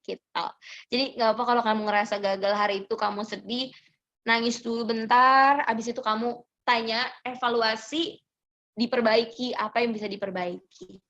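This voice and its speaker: A young woman giving gentle, reassuring advice in a motivational sharing session, answering audience questions and mixing in English phrases. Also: on the high side, steady tone, normal speed, highs cut off.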